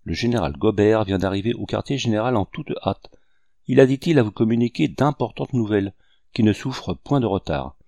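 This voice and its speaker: A man's voice: lowish voice, lively intonation, vocal fry, mellow, no room sound. A man voicing a deferential army captain reporting to his general. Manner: deferential, brisk. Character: deferential male army captain, aide-de-camp.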